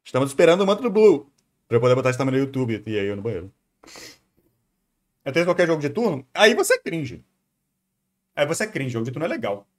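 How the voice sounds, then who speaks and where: A man with a Brazilian accent and a mid-range voice chats casually while streaming his reaction to a video. He's very animated and talks quickly, yet leaves long pauses as he rambles, thinks aloud and repeats himself.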